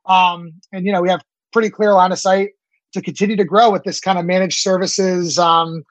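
A man's voice: sits high, little pitch movement, moderate pace, no echo, rough recording. A man in his late thirties, a startup founder answering interview questions eagerly, with many fillers and restarts. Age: 30s.

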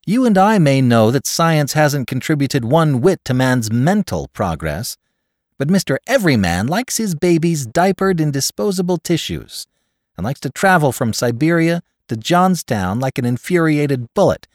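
In an audiobook story, a man voices a coolly logical male friend, pitching his delivery above his natural voice. The fairly high, widely swinging tone comes at normal speed, clipped, exact, brisk and insistent as he gives persuasive advice. The sound is clean studio audio with no room echo.

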